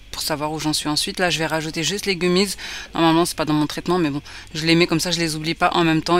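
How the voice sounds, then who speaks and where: A woman in her thirties talking casually through her evening routine as a vlogger, with many hesitations and fillers. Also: low voice. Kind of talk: casual vlog voice-over.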